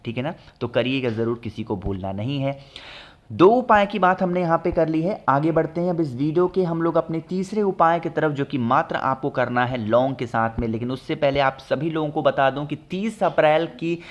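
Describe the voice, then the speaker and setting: A man explaining home ritual remedies in a chatty instructional talk, often checking in with viewers. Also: a little high. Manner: chatty, repeats "ठीक है ना", addresses viewers directly. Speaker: astrology remedies presenter. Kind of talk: instructional talk with product pitch.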